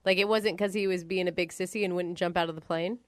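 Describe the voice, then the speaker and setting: A woman's voice: on the low side, steady tone, fast talker, dry recording. A woman co-hosting a radio morning show, reacting with sympathetic and surprised remarks. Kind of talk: casual radio banter. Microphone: studio microphone.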